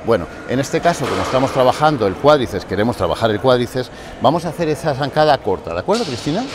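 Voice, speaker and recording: Speaking quickly in a sing-song, mid-range voice, a man in his forties coaches leg exercises step by step inside a large gym, frequently checking in with listeners. The lapel-mic recording has a noisy background with music clearly audible.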